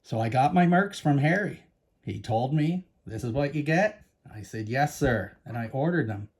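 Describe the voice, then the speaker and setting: Chatting straight to his viewers in a casual coin-collecting show-and-tell vlog, this Canadian-accented host sounds enthusiastic. His mid-range voice moves with lively intonation at a normal speed, a little mellow with a breathy edge.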